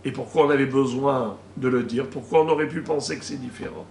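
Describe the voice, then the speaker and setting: A man, a rabbi, teaching a Talmud lesson, slowly reading out Hebrew and Aramaic terms and explaining each one. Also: medium pitch, fairly even intonation, gravelly, darkish tone. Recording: echoey room with faint ambient noise.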